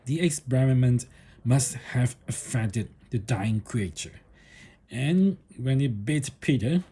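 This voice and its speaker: This storybook narrator has a mellow voice with a touch of huskiness, and his pitch moves expressively. Unhurried and deliberate, he reads a children's story aloud.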